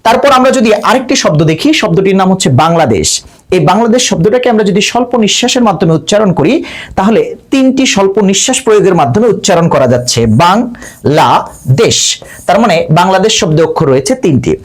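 Young male tutor with a high voice, patient, step by step. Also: expressive, fast talker. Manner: patient, explains step by step, addresses students directly. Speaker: teacher. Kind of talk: lesson narration.

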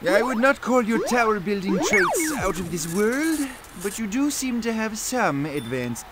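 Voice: medium pitch, big pitch swings, unhurried. An actor voicing a haughty robot alien who hosts a sci-fi arcade game, speaking in a grandiose, condescending way through a robot voice effect. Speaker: game announcer. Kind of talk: scripted game voice lines. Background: loud game music.

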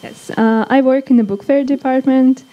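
A woman's voice: high-pitched, steady tone, normal speed, muffled recording, slight background noise. A woman from Russia, a native Russian speaker, answering shyly and hesitantly on stage. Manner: shy, hesitant, laughing.

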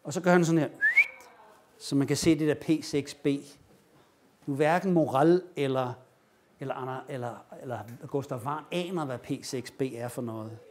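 A man giving a lecture, telling a story with animated retelling and acting out the quoted lines. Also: mid-range voice, a little hiss or hum. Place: lecture room.

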